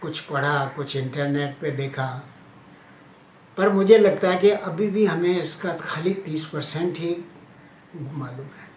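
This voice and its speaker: A man teaches in a very slow, deliberate way, pausing to sound out letters one at a time. His voice sits a little high for a man. The recording is roomy and echoey, with a faint hum of ambience behind him. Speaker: teacher explaining Hindi phonetics. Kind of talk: informal spoken lesson.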